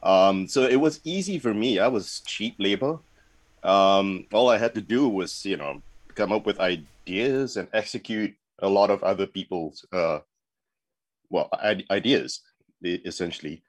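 A man's voice: low voice, dry recording. A man in his forties from Singapore, a guest chatting casually about his career in a remote interview, rambling with many fillers and restarts. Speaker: guest, advertising creative.

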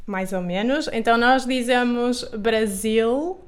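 A woman's voice: fairly high pitch, fairly even intonation, slow pace, fairly bright tone, clear, resonant tone. A woman with a Porto European Portuguese accent, a guest teacher who talks unhurriedly and laughs often. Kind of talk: language lesson conversation.

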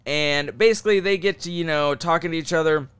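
A man's voice: on the high side, a little fast, a bit bright, clean tone, dry recording. A young man hosting a podcast, telling a case in a laid-back, profane, casual way with many fillers. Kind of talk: casual storytelling chat.

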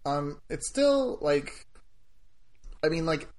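A man with a voice pitched a bit above the usual male range, chatting casually on a sports podcast. He often pauses and restarts as he hunts for the right words. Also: very animated, a little mellow. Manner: hesitant, searching for words with many fillers. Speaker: podcast co-host.

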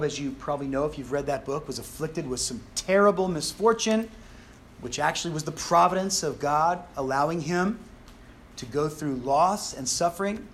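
A man's voice: a little high, a little hiss or hum. A man preaching a sermon, telling a scripture story in an earnest, emphatic way.

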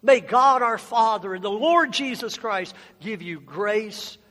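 A male preacher delivers a sermon in a strikingly high-pitched voice. He is passionate and emphatic, urging his listeners on with repeated phrases and rhetorical questions. The sound rings with the long reverb of a large hall. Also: animated, slow pace, sharp tone. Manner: exhorting, with rhetorical questions and repetition. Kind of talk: sermon to a congregation.

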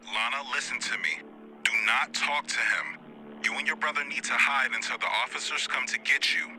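A man's voice: mid-range voice, normal speed, pushed and bright, a little hiss or hum, pitched above the performer's own voice, low-quality recording. A man voicing an emergency operator on the phone, talking in an urgent, commanding way. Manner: urgent, commanding, rising to pleading.

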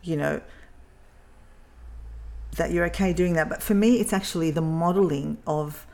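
A woman's voice: low-pitched, normal speed, gravelly, a little mellow. A woman in casual conversation, speaking thoughtfully with frequent restarts as she works out her ideas. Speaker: parent, podcast co-host.

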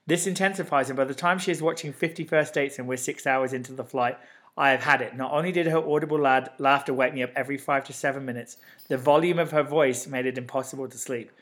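A man co-hosting a casual podcast, reading posts aloud in a lively way, with a lingering cough. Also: mid-range voice, fast. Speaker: podcast co-host.

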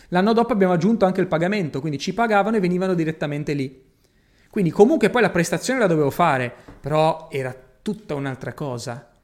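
A man coaching business owners in an energetic, emphatic way. His voice sits a little high for a man. He drives points home by repeating them. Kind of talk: motivational talk to camera.

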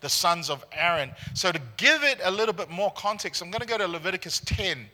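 Male pastor, very bright, forceful voice, lively storyteller. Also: high voice, a little fast. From Singapore. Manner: animated storytelling, frequent tag questions. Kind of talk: conversational sermon.

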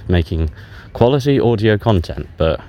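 A podcast host walking in a public park makes a casual confessional diary on a handheld dictaphone, with park noise in the background. Low-spirited and self-deprecating yet animated and mellow, he talks candidly but haltingly, pausing long and often.

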